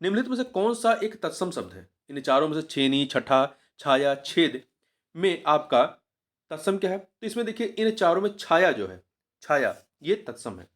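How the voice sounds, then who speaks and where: A man's voice: fairly high pitch, fairly bright tone. A man teaching as an exam coach, going through a grammar test paper, patiently repeating each word and spelling it out syllable by syllable.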